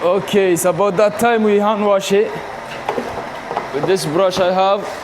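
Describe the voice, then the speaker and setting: A man with a high voice talks in a casual, slangy vlog style, as if to his buddies. He is recorded outdoors, with clear car and street noise behind him. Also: fairly even intonation, unhurried. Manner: slangy, addresses viewers and customers as bro and man. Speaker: car wash worker and vlogger.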